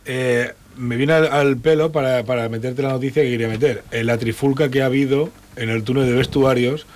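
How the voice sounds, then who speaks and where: A radio panelist with a mid-range voice raises a football news item. He hesitates and fills his pauses as he searches for his words. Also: mid-range voice, steady tone, a little mellow, slight background noise. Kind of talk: sports radio news talk.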